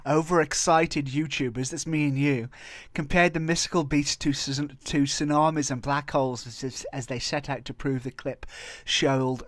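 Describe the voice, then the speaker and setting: Hosting a video about viral clips and tabloid stories, a man from Wales rambles casually and off the cuff. His voice sits at medium pitch with a slightly bright edge, recorded dry.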